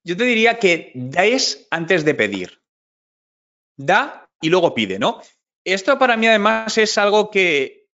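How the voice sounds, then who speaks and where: A man, a guest in a conversational interview who tells stories and acts out what he said to others. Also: high voice. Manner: storytelling, animated quotes of himself. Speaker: interview guest, digital marketing expert. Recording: dull lo-fi sound.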